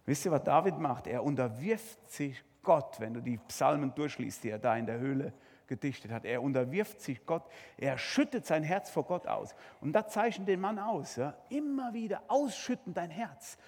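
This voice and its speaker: At a normal speed, a high, husky-voiced male preacher delivers a dramatic sermon with swooping, animated intonation and abrupt surges of intensity. Rhetorical questions are aimed straight at his listeners, and the long reverb of a big hall carries his words.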